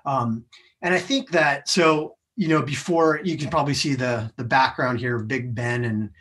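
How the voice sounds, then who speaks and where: Speaking at a moderate pace with a mid-range, fairly bright voice, this man from the United States talks as a podcast guest. He's in sales and explains career lessons conversationally, dropping in little checking tags as he goes.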